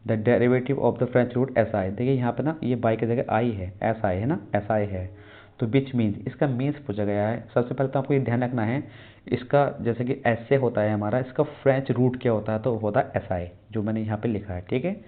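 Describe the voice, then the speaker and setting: Male teacher, exam-prep lecture, asks and answers his own questions, narrow phone-like sound, mid pitch. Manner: mixes English terms into Hindi; reads English questions aloud slowly.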